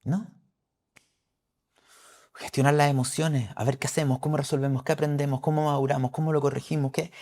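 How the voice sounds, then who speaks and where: A man's voice: fairly high pitch, little pitch movement, a little fast, long pauses, darkish tone. A middle-aged man giving an astrology forecast talk, emphatic and preacherly, repeating key phrases.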